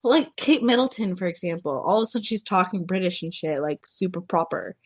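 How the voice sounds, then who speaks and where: A woman's voice: on the low side, fairly quick, slightly rough, no room sound, studio quality. A woman co-hosting a casual film podcast, rambling through her points, swearing casually and laughing at her own slips. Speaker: podcast co-host. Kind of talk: casual chat.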